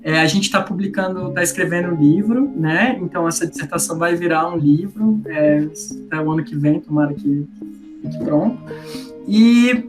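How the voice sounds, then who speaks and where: A man with a Brasília accent, a researcher guest talking in a relaxed, chatty way with many fillers. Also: fairly high pitch, moderate pace. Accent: Brasília Portuguese. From Brasília, Brazil. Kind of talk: casual academic interview. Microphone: remote recording. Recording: music bed under speech.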